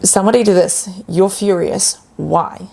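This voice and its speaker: Gravelly-voiced woman, animated chat. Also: mid-range voice, measured pace, crowd noise. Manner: animated, acts out inner voices. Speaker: health coach guest. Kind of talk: casual podcast chat.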